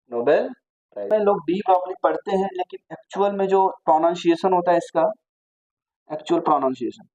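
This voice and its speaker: Mellow-voiced chatty physics teacher, man. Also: on the high side, dull audio. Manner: chatty, asks the class questions, jokes and digresses. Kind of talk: classroom lecture.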